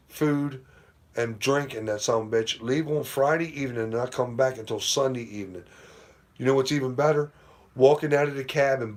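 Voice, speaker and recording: A middle-aged man hosting a casual late-night live stream from home, telling rambling, profane stories with lots of "you know.". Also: mid-range voice. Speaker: livestream host. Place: at home near porch, at night.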